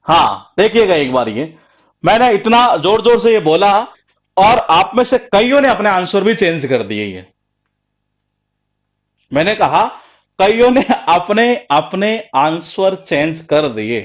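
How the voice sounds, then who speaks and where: A man with a high voice teaches a grammar lesson, pressing his students with question after question and repeating each point for emphasis. The sound is dull and lo-fi. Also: sing-song, unhurried, long pauses. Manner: emphatic, repetitive, quizzing students. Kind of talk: live online class lecture.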